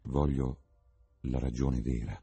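A man's voice: very deep voice, fairly even intonation, takes it slowly, mellow, husky, pitched below the performer's own voice, exaggerated voice. A man voicing a witty, cynical young lord with an ironic, drawling manner.

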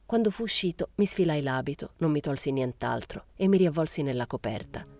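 A woman reading a literary novel aloud as audiobook narration, in a measured, understated first-person style. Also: low voice, lively intonation, darkish tone, dry recording. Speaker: audiobook reader.

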